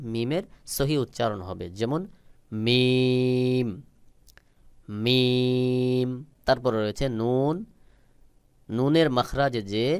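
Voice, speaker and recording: Speaking in a mid-range voice with a darkish tone, a man patiently instructs listeners on pronouncing Quranic letters, stretching out and repeating each sound. It's a slow, step-by-step lesson, recorded with no audible room.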